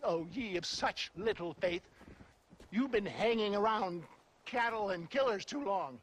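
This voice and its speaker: An actor voices a theatrical, flamboyant older con-man hawking health tonics for a video game cutscene, chuckling and wheedling in a scheming mood. He speaks high-pitched and unhurried, in a low-quality recording with slight background noise.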